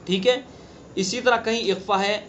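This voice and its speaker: A man with a high voice teaching Quran recitation, explaining each rule plainly and then reciting example words slowly and drawn out. The recording is muffled and lo-fi, with a faint hiss of background noise. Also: fairly even intonation, fairly bright tone. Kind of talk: online tajweed lesson.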